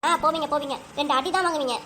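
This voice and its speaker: A woman with a Tirunelveli Tamil accent voicing a sharp-tongued grandmother who scolds without pause in a cartoon. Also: high voice, steady tone, slight background noise. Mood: scolding. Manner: nagging, rapid-fire scolding.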